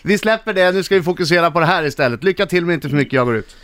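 Lively male morning radio host. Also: fairly high pitch, clean tone, dry recording, studio quality.

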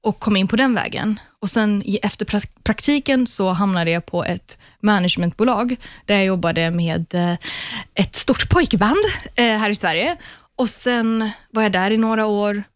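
A woman in her thirties chats as a radio guest, bubbly and talkative, her stories spilling out with fillers and laughs. Her voice sits at an ordinary middle pitch. The studio sound is close and dry, with no room around it. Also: few pauses, no room sound. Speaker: radio guest, talent show judge. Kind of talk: casual radio interview chat.

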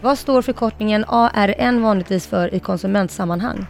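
A woman's voice: mid-range voice, vocal fry. Upbeat woman reading quiz questions. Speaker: radio co-host and quizmaster. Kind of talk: radio show banter and quiz reading.

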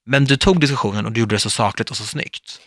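A man telling a story in a casual chat, loose and relaxed, full of little fillers. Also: mid-range voice, no echo, studio quality.

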